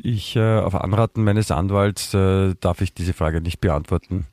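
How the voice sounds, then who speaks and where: A man co-hosting a podcast, giving deadpan, evasive comic answers. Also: low-pitched, moderate pace, no room sound. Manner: deadpan, dry evasive replies. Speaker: podcast co-host.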